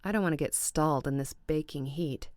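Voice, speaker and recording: A woman's voice: low-pitched, a little fast, darkish tone, dry recording, natural voice. A woman reading the part of a cool, wry young woman in an audiobook, dry and teasing.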